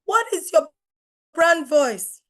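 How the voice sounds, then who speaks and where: A middle-aged woman, hoarse from losing her voice, giving an emphatic online branding workshop full of rhetorical questions. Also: very high voice, lively intonation, takes it slowly. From Nigeria. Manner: emphatic, rhetorical questions, wide swings in loudness. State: hoarse, has lost her voice. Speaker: webinar speaker on branding. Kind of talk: live online workshop talk.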